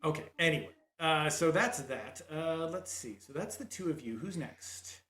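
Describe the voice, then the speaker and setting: A man running a tabletop game as game master, talking in halting bursts full of fillers and restarts. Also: on the high side, animated, a bit bright, roomy sound.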